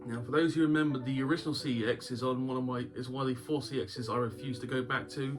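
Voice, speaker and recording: Guitar music plays behind a YouTube game collector hosting his easygoing vlog in a mid-range, fairly even voice at a quick pace. He has a sore throat and a cough sweet in his mouth, and he wanders through his thoughts wryly, often chuckling.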